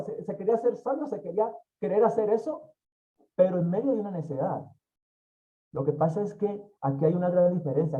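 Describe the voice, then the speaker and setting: Emphatic preacher, warm and muffled. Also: male voice, high voice. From Colombia. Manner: emphatic, repeats key phrases, acts out quoted voices. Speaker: Bible teacher. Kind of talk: expository Bible study sermon.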